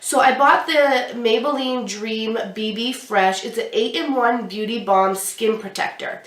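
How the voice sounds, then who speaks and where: A woman's voice: on the high side, unhurried, a bit bright. A young woman with a stuffy nose from a cold, chatting casually through a makeup tutorial while she applies products. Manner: chatty, explaining each step while applying makeup. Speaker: beauty vlogger. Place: small indoor room with a glittery backdrop. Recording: roomy sound, somewhat far from the mic.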